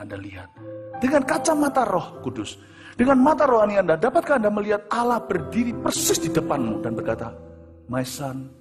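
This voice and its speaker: A man preaching a sermon, telling a story and acting out the dialogue, swinging between loud and hushed delivery. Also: high-pitched. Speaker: pastor. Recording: echoey hall with music behind.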